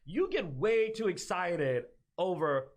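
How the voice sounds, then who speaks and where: A high-pitched man talks about games with a podcast crew. His voice jumps all over the place as he tells stories, and he gets excited easily. It sounds like loose, casual chat between friends. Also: takes it slowly. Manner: excitable, animated storytelling. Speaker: podcast co-host.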